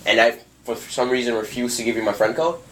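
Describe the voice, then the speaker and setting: A man's voice: mid-range voice, brisk, a bit bright, a little hiss or hum. A young man co-hosting a casual chat in a joking, laid-back way. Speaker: podcast co-host. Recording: echoey room.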